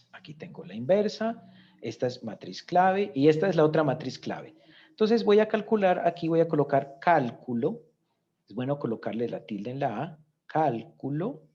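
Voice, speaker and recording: Speaking in a mid-range, husky voice with a warm tone, a man teaches economics in a recorded lecture, and the audio has its highs cut off. He goes through a spreadsheet step by step, regularly pausing to check in with students.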